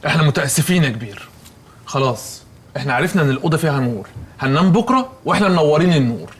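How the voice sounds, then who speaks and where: A touchy, grumbling sleeper whose voice swings up and down as he complains. He talks fast, with faint room noise behind. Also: fairly high pitch, sing-song. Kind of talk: sitcom acting.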